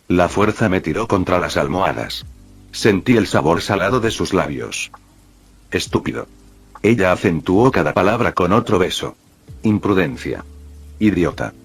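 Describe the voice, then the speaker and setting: A man's voice: low voice, husky. A man reading a fanfiction story aloud as narrator, voicing every character in his own voice. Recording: soft music behind.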